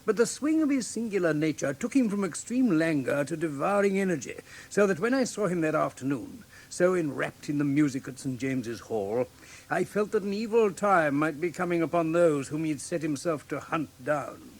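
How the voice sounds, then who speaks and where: An actor playing a loyal, earnest British gentleman doctor who speaks and narrates in a measured classic radio drama manner. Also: a little high, animated. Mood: reflective.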